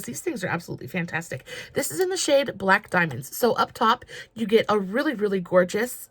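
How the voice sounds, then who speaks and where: A woman about thirty talks her way through a makeup tutorial. She gushes and rambles with easy fillers, at a middle pitch. The sound is dry and close. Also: a bit bright, no echo. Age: 30s. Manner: chatty and gushing, with fillers. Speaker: makeup vlogger.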